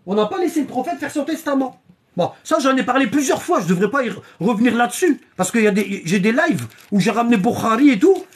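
Husky, emphatic voice teaching religion live. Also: mid-range voice, very animated, fast. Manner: repetitive and emphatic, with constant "hein?" checks; reads and shows passages from a book. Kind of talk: live-streamed religious lecture.

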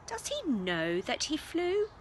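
A woman voicing a rather old, very wise female cat in a storybook reading, speaking slowly and knowingly. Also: sits high, wildly swooping pitch, slight background noise, voice pushed up, full character voice.

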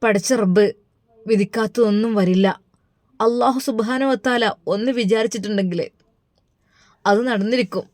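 A woman's voice: on the high side, steady tone, normal speed, pauses often, a little mellow, no room sound, lightly acted. A woman voicing a worried, loving middle-aged mother who talks tenderly. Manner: anxious, pleading and tender.

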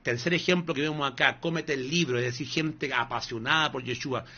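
A man's voice: mid-range voice, brisk, bright, forceful tone, breathy edge, lo-fi sound. A male pastor preaching a sermon, scolding and emphatic, repeatedly calling the listener "brother" between his points. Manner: scolding, emphatic, mocking asides, repeats "hermano".

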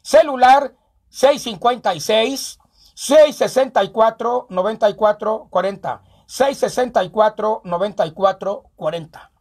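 A man with a Mexican Spanish accent hosts a comic local radio-style show dressed as a clown, joking and reading out ads, news, and phone numbers. His voice is high-pitched and darkish, and he speaks a little slowly.

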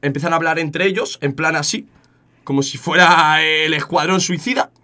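A young man with an accent from Spain, telling a story casually to his chat, animated and often repeating words. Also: a little high, moderate pace. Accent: Spain Spanish. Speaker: streamer.

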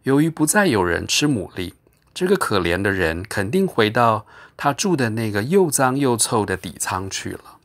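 Brief: male storyteller, animated and measured narration. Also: fairly low pitch. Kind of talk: scripted audiobook narration.

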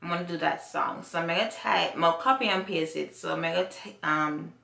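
A woman's voice: fairly low pitch, brisk, gravelly, sharp tone. A woman with a Jamaican accent chatting casually to her vlog audience, rambling and repeating herself. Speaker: vlogger. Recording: echoey room.

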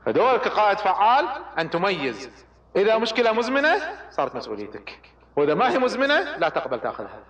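A man's voice: high voice, fast. A middle-aged man gives a leadership lecture. He exhorts the audience, and his voice leaps up when he presses a point. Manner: animated, exhorting the audience with sudden rises. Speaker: leadership trainer. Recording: echoey, dull lecture hall recording.

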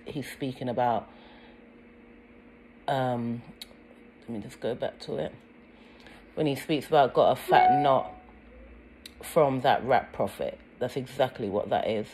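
British accent, earnest commentary, insistent, halting with ums, faint background hiss. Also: medium pitch, a little mellow, poor audio. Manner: earnest, insistent, frequent ums and repeated words. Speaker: video commentator. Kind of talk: conspiracy commentary over a music video.

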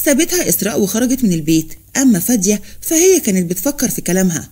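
A woman's voice: medium pitch, very animated, racing, dark tone. A woman reading a scripted romance story as narrator.

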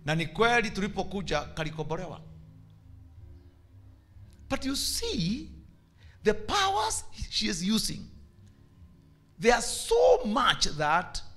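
Preacher man, high bright voice, swoops around a lot, soft music behind. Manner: animated preaching, mixing Swahili and English. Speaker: bishop. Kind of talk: sermon.

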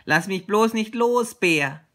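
A man voicing a small, excitable young male tiger in a read-aloud children's story, speaking in a high, eager voice. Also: a little slow, full character voice. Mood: anxious.

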